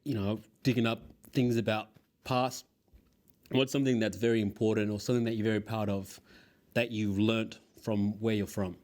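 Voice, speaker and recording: A man's voice: lowish voice, fairly even intonation, moderate pace, darkish tone. A man hosting a casual interview, asking follow-up questions in an encouraging way. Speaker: interview host.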